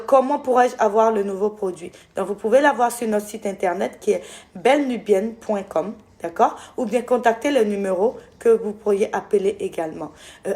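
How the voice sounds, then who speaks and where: A woman's voice: mid-range voice, warm tone. A woman with an Ivorian French accent, chatting casually with viewers in a live Q&A. She speaks affectionately to her audience and often loses track and corrects herself. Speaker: skincare brand owner answering viewers.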